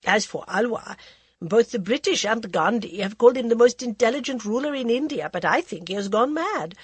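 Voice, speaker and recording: A woman reading aloud voices a theatrical high-society lady who gushes and calls everyone darling. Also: lively intonation, a little fast, slightly rough, dry recording. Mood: gushing gossip.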